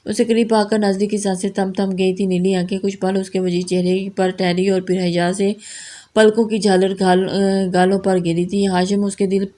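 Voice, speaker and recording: A woman reading a romance novel aloud as storybook narration, measured and unhurried. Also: medium pitch, flat delivery, dark tone. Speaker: novel reader.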